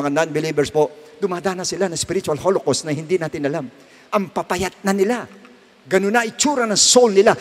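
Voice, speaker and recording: High-voiced Filipino preacher in a reverberant hall. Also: male voice. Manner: preaching with sweeping swings in pitch and volume, repeating phrases. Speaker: pastor. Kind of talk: sermon. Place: church hall. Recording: long reverb of a church hall.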